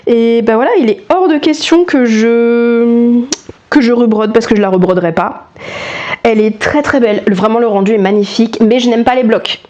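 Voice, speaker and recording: Casual woman vlogger, higher register, self-deprecating and talkative, lapel mic at home. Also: a little mellow. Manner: chatty, self-mocking, lots of restarts and fillers. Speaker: cross-stitch vlogger. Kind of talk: casual chat.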